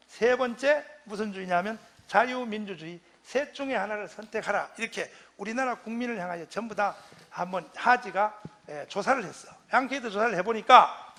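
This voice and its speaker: A man's voice: extremely high pitch, fairly bright tone. A pastor giving an impassioned storytelling lecture, acting out quotes and firing rhetorical questions at his audience.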